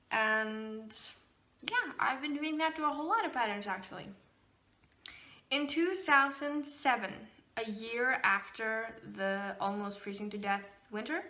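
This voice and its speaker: A Norwegian woman, a knitting designer from Norway, hosts a laid-back knitting podcast, chatting freely with lots of laughter and filler words. Her voice is medium in pitch with a sharp edge.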